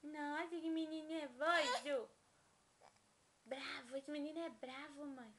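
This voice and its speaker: A woman's voice: high voice, fairly even intonation, measured pace, fairly bright tone. A mother, coaxing her baby in sing-song baby talk on a home video.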